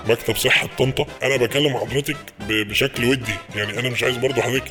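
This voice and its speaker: A man's voice: mid-range voice, steady tone, over music. An Egyptian man making a prank phone call. He speaks politely and keeps stumbling over and repeating his words. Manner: polite and fast, with many hesitations and repeated words. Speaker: prank caller posing as an official.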